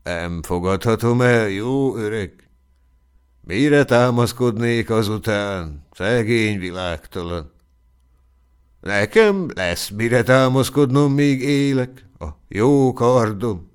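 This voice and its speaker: A man voicing a brave, kindly general who speaks gently but firmly. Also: mid-range voice, lively intonation, clear, resonant tone, close to an everyday voice. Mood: gentle.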